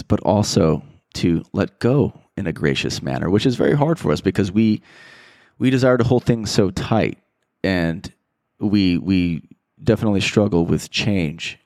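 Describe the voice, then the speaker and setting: A man's voice: low voice, darkish tone, no echo, studio quality. A man hosting a podcast, talking in a casual, reflective monologue that rambles thoughtfully, with frequent restarts and fillers. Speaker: podcast host.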